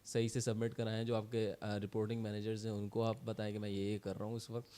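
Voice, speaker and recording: A man, giving measured advice in casual podcast talk and slipping in English phrases. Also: on the low side, completely flat delivery, mellow. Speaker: podcast co-host.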